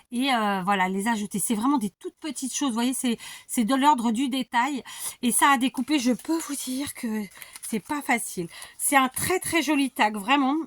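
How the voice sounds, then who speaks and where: Gushing high-voiced woman at her craft desk. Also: a bit bright. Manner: enthusiastic, gushing, self-mocking. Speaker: scrapbooking channel host. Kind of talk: casual show-and-tell of received crafts.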